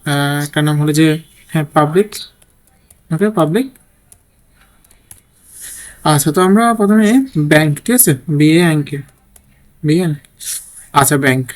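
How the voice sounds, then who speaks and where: A man's voice: on the high side, unhurried, pauses often. A man teaching a programming lesson while typing code, thinking aloud and often checking in with "okay?". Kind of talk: screen-recorded coding tutorial.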